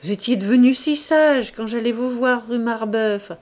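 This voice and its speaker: A woman's voice: a little high, moderate pace, a little mellow, voice pushed up, lightly acted. A woman reading an audiobook, voicing a proud young society woman who mocks and teases her suitor. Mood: mocking. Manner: teasing, scornful.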